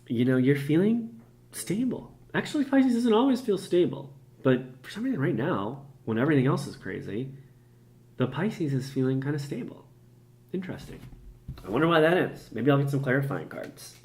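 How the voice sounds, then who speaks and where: A man's voice: a little high, big pitch swings, normal speed, darkish tone. A man from Cleveland hosting a playful, chatty, mock-mystical card reading. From Cleveland, USA. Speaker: comedic psychic host. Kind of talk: comedic tarot card reading vlog.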